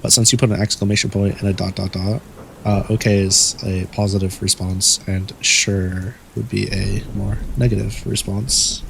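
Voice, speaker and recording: A man hosting a late-night stream, chatting in a relaxed, rambling way and swearing casually. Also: fairly low pitch, normal speed, vocal fry, a little hiss or hum, poor audio. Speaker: streamer host.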